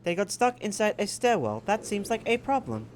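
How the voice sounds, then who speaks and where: A woman's voice: medium pitch, very animated, moderate pace, darkish tone, slight background noise. An Australian woman streaming in a casual chat style. She reacts bluntly and swears now and then. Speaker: VTuber streamer.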